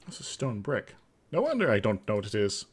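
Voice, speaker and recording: A man's voice: lowish voice, huge pitch swings, a little fast, slight background noise. A man chatting casually in a playful, joking way as he plays a game. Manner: playful, jokey. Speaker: co-host of a gaming video series. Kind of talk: casual chat while gaming.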